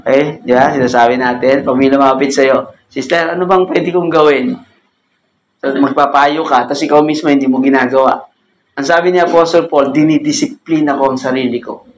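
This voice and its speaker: Leading a cell group Bible lesson as pastor, this man talks conversationally at a steady, medium pitch and a slightly quick pace. He jokes and laughs a lot and puts questions to the group. The room is echoey, with faint background noise.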